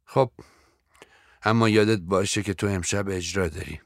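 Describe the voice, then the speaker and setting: A brisk, bossy hostess, voiced by a man reading the story. She talks in a practical, no-nonsense way. The voice is deep and dry. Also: gravelly, no echo. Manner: brisk, calls out loudly to the maid.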